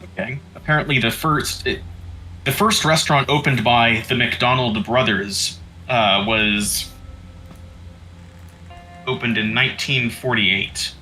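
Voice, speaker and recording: Bright-voiced man fact-checking aloud. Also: medium pitch, steady tone, slow, pauses often, soft background music, rough recording. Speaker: co-commentator. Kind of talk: casual let's-play chat.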